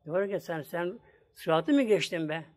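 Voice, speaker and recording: High-voiced preacher telling a story. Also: male voice, lively intonation, measured pace, darkish tone. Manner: dramatic, acts out voices in stories; addresses the congregation. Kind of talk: sermon storytelling.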